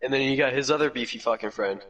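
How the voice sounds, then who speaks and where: A man's voice: mid-range voice, quick pace, a bit bright. A teenage boy telling a story in casual chat, rambling and profane, full of "like" fillers. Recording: distant from the mic.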